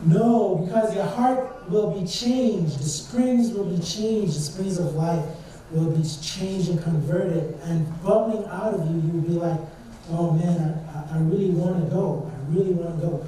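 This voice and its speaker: Heard from afar in a heavily echoing church hall with faint background noise, this high, mellow male voice moves at a measured pace. He is a young man from Trinidad giving an earnest, chatty sermon as a student speaker, questioning his listeners along the way.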